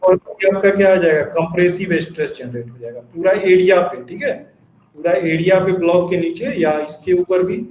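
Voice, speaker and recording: A man with a fairly high voice teaches a classroom lecture, asking questions and answering them himself. The room is echoey, with a faint hum of ambience behind him. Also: a little mellow, highs cut off. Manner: dictates definitions slowly in English. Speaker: engineering teacher. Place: classroom with students.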